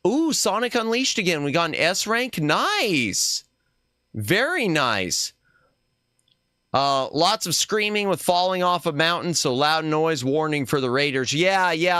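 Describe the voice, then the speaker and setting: A man hosting a casual game livestream, chatting in an expressive, exclamatory way. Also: a little high, clear, resonant tone, no room sound, clean studio sound. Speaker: livestream host.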